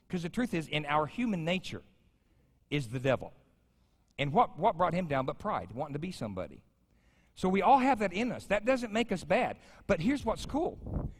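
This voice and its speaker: Animated preacher in his fifties. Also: on the high side. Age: 50s. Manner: conversational, joking with the congregation. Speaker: pastor. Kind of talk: sermon. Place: large church sanctuary. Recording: church sanctuary with long reverb.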